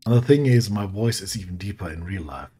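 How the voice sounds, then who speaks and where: A man with a German accent and a very deep, soothing voice, rambling through casual commentary on his game and correcting himself as he goes. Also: expressive, quick pace, mellow, husky. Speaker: let's play host. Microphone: desk mic with equalizer.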